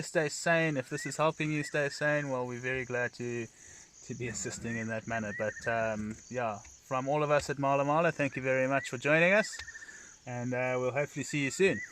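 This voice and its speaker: A man gives live wildlife commentary as a safari guide, in measured, hesitant phrasing. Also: medium pitch, fairly bright tone. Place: outdoors at night in a safari vehicle. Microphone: cell phone. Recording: noisy outdoor phone livestream, insects, vehicle.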